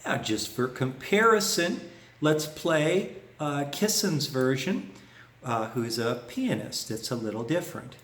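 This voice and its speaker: A man's voice: medium pitch, very animated, a little slow, reverberant, background noise. A man teaching a harmonica lesson in a folksy way, humming phrases on "na" to show them. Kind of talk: music lesson explanation.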